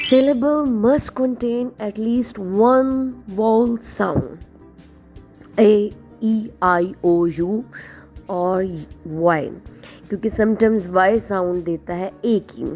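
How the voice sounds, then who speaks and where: Slow, deliberate woman teaching kids. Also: medium pitch, darkish tone. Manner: drawn-out, clapped syllables, mixing Hindi and English. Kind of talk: children's phonics lesson.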